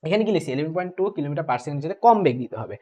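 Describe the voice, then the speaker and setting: Casting note: young male physics tutor, quick-talking, a bit high-pitched, constantly checking in with students. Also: expressive, mellow. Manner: brisk, keeps asking "ঠিক আছে?", mixes English terms. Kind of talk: exam-prep lecture.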